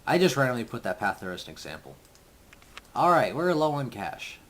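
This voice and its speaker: A young man talks through his game in a relaxed, meandering way, restarting sentences and drifting between thoughts. His voice sits at an ordinary middle pitch. The home desk recording carries clear background noise and the click of typing. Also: fairly quick. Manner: rambling, thinking aloud, trailing off. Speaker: let's play gamer. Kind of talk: casual gameplay commentary.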